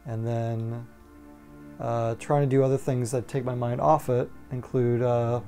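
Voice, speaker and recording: A man in his forties answering documentary interview questions, measured and thinking aloud. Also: medium pitch, little pitch movement, warm tone, faint music behind. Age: 40s.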